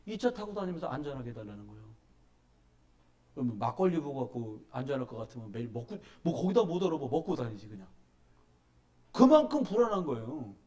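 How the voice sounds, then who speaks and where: A middle-aged man preaching as a pastor in a church sanctuary, telling stories and urging his listeners with emphatic, animated delivery. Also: medium pitch, quick pace. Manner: animated storytelling, emphatic exhortation. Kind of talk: sermon.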